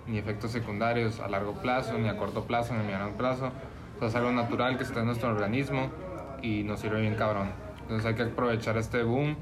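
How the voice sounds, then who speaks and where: A man with a Mexican accent making a casual, slangy sales pitch like a laid-back bro, as a podcast guest. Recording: noticeable background room noise.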